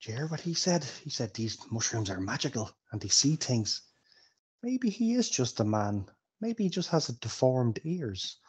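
A man's voice: medium pitch, brisk, dark tone, breathy edge, lightly acted. A man voicing a nosy village woman gossiping about strangers. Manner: gossipy, conspiratorial.

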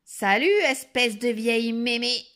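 A woman's voice: medium pitch, very animated, measured pace, darkish tone. Woman doing a brash, bratty little girl. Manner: brash, insulting.

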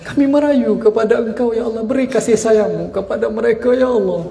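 A man's voice: extremely high pitch, brisk, gravelly, slight background noise. A man preaching at an evening religious gathering, telling stories with animation and leading a long chanted prayer. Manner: animated storytelling, chanting supplications. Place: community prayer house during a gathering. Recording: roomy, mic at a distance.

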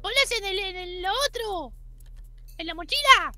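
A performer voicing a teasing, skeptical baby girl sidekick in a Minecraft game, with a squeaky high voice. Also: expressive, moderate pace, bright, forceful tone, soft background music, exaggerated voice. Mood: bossy. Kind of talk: Minecraft let's play.

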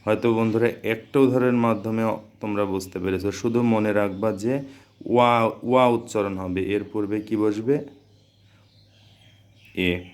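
A man's voice: lowish voice, fairly even intonation, measured pace, pauses often, darkish tone. A man teaching a grammar lesson, who keeps asking questions and answering them himself.

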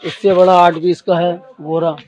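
A man's voice: sits high, little pitch movement, normal speed, darkish tone. A man who runs a toy shop, listing wholesale prices item by item in a matter-of-fact way. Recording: dull, lo-fi sound.

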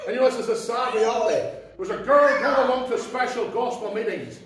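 A Northern Irish man, a pastor preaching an impassioned sermon that swings from soft asides to shouted exclamations. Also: very high-pitched, fairly quick, noisy background. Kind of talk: fiery Pentecostal sermon. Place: church hall. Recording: very echoey hall from far off.

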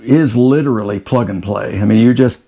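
A man's voice: medium pitch, brisk, vocal fry, slightly rough, dull audio. A man in his sixties co-hosting an RV vlog, explaining technical details step by step from inside an RV kitchen on a lapel mic. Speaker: RV vlogger co-host. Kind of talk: casual explainer chat.

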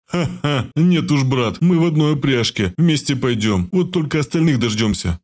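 Guy playing a big bearded mocking bruiser, rough teasing talk, audiobook. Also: medium pitch, lively intonation, moderate pace, a little mellow, lightly acted.

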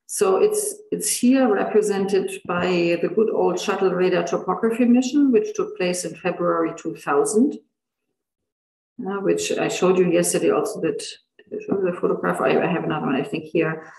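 A man lecturing on radar imaging in a halting, informal way, full of fillers and restarts, his voice tired. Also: high-pitched, gravelly, a little mellow, reverberant, poor audio. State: tired voice, throat clearing. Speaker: university lecturer.

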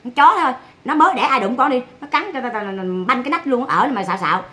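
A woman's voice: high-pitched, lively intonation, fast, bright, forceful tone. A woman with a Southern Vietnamese accent, ranting sarcastically and bluntly on a livestream.

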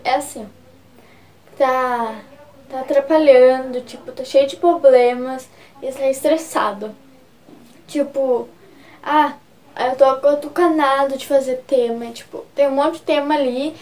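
This female vlogger from Rio Grande do Sul has a high voice with a darkish tone and a Gaúcho Brazilian Portuguese accent. Chatty and heavy on fillers, she gestures a lot with both hands while casually explaining regional slang.

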